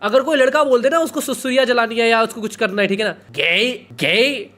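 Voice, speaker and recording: Brief: male streamer, fairly high voice, loose and chatty, lots of tag questions. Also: fast talker, fairly bright tone. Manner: chatty, keeps adding "okay?" tags. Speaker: streamer reacting to a video. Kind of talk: casual chat.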